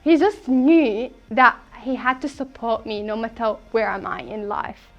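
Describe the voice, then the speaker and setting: A woman's voice: a little high, measured pace, creaky, soft background music. A young woman from Syria speaking directly and earnestly in an interview. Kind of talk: interview answers. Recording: slightly dull, lo-fi audio.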